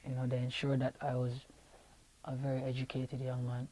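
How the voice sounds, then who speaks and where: A young Jamaican man, a singer, is interviewed in a radio station studio room on a lapel mic, chatting in a relaxed, easygoing way full of fillers and repeated words. His mid-range voice is dark in tone and delivered completely flat, a little on the fast side. The recording is rough.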